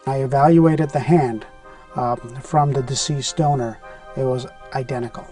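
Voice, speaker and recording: A man's voice: mid-range voice, steady tone, normal speed, mellow, soft background music. A man, a surgeon, speaking in an interview in an earnest, explanatory way.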